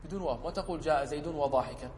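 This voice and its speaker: A man, a sheikh teaching a lesson, who explains a poem, often checks whether his students follow, and slows down to quote examples. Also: on the high side, a little mellow, big-room sound, a little hiss or hum. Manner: asks the class short checking questions. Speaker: sheikh teaching Arabic rhetoric.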